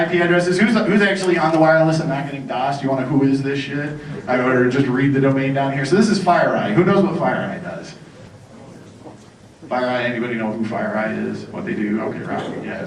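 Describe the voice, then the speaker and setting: A man giving a sarcastic, profane conference talk, mocking his targets and bantering with the audience. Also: medium pitch. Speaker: conference speaker. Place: conference hall. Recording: echoey hall, distant mic, noisy.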